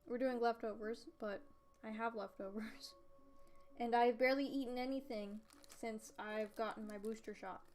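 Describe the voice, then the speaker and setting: A woman's voice: on the high side, steady tone, normal speed, a little mellow, a little hiss or hum. Rambling, giggly teenage girl streamer. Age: teens. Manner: rambling, giggly, many fillers. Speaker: livestreamer. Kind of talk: casual livestream chat. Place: bedroom. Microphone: streaming desk mic. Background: game soundtrack music playing faintly.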